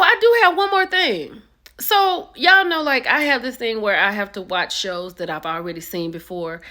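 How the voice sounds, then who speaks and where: A woman, hosting casual reality TV commentary in a chatty, animated way with sudden excited jumps in pitch. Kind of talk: casual chat.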